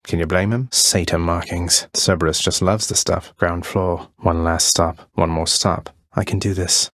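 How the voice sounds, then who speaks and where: A man's voice: deep voice, steady tone, a little slow, fairly bright tone, no room sound. A man playing Zagreus, a defiant young underworld prince in a video game, with a dry, sardonic manner and formal turns of phrase. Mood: focused, murmuring.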